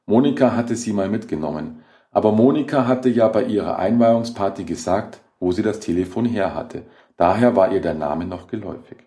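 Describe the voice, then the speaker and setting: A man narrates a horror short story with a low, dark, mellow voice. His delivery is measured and dramatic, and his pitch moves expressively. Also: animated. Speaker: audiobook narrator.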